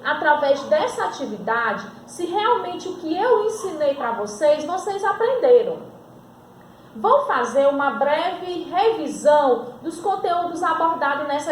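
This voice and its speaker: A school teacher speaks in a high-pitched voice over slight background noise, recording a grammar lesson in an echoey room. Her accent is Brazilian Portuguese; she fields her own questions and lingers on example words.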